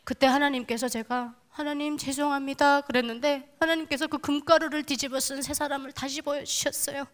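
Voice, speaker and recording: A woman's voice: high-pitched, steady tone, fairly quick, few pauses, fairly bright tone. A young woman from Korea, giving a dramatic, vivid testimony at a prayer meeting and speaking straight to the audience. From North Korea. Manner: vivid, dramatic storytelling that addresses the audience directly. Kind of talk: testimony sermon.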